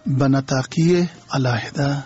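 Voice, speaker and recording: A man's voice: mid-range voice, a little mellow. An older man, a poet speaking Dari with an Afghan accent, answers interview questions in a formal and reflective way. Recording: muffled radio broadcast.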